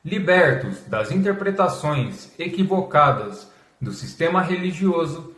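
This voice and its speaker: A Brazilian man narrates a scripted explainer in a fairly high-pitched voice. His delivery is formal and measured, like someone dictating a text. The room adds a clear echo around his words. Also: animated, fairly bright tone. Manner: measured, formal reading that announces quotation marks aloud, as if dictating. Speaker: host of a religious history channel. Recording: echoey, reverberant room.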